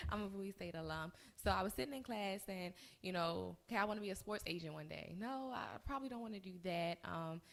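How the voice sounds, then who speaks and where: A woman's voice: medium pitch, lively intonation, a little fast, creaky, a bit bright. A woman in her early twenties, a podcast co-host, telling her story in casual, chatty chat with laughs. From United States. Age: 20s. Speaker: co-host and business owner. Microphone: live-streamed recording.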